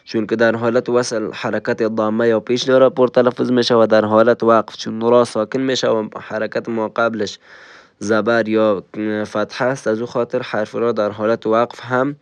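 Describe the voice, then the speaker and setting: A man with an Afghan Dari accent teaching Quran reading, drilling syllables slowly and explaining rules briskly. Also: on the low side, little pitch movement, clear, resonant tone, no echo, dull audio. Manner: slow measured drilling of letter sounds, brisk explanations. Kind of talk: recorded recitation lesson.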